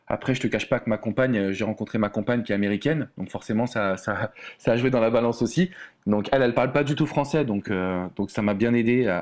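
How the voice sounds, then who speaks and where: A man's voice: on the low side, a little mellow. A man from France, a relationship coach, talking casually as a podcast guest, with many fillers and restarts. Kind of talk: casual podcast interview talk.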